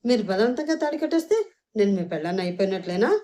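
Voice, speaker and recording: A woman's voice: medium pitch, expressive, very fast, dark tone, natural voice. A woman voicing a hurt young woman who argues back through tears in an audio story. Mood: defiant. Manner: tearful and defiant. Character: hurt, defiant young woman, tearful but proud.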